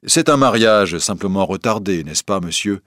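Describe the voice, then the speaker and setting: Curt police chief, middle-aged, questioning, voiced by a man, lively delivery. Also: lowish voice, moderate pace, no echo, studio quality. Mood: probing. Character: brisk middle-aged male police chief, dry and probing. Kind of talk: audiobook character reading.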